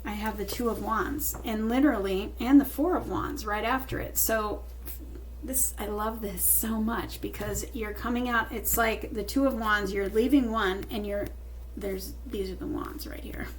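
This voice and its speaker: Woman, tarot reader, medium pitch, emphatic, repetitive reassuring phrasing, slight background noise. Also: fairly even intonation, normal speed, low-quality recording. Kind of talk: tarot reading addressed to the viewer.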